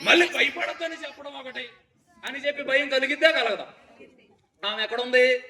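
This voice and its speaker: A man's voice: very high voice, normal speed, sharp tone, echoey room, distant mic. A man preaching a revival sermon, firing rhetorical questions at the congregation in call-and-response. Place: revival gospel meeting.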